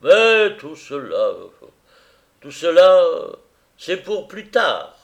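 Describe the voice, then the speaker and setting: A man voicing a drunk, overwrought middle-aged man who pleads and mocks in a high, loud, swooping voice. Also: very animated, extremely slow, full character voice. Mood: agitated.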